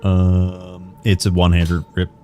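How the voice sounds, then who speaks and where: A man's voice: sits low, completely flat delivery, a little slow, mellow, soft background music. A man streaming a game live, chatting casually in an informal, enthusiastic, rambling way.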